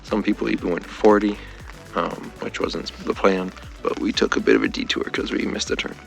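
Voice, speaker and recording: Tired man with a low, creaky voice. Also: fairly even intonation, normal speed, soft background music. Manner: tired, subdued. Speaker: vlogger. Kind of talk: casual vlog talk to camera.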